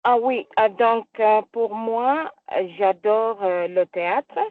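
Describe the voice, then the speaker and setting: A woman's voice: mid-range voice, slow pace, no room sound. Hesitant woman on a tinny call line. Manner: hesitant, many fillers. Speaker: French teacher, participant. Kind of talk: webinar contribution. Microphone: video call.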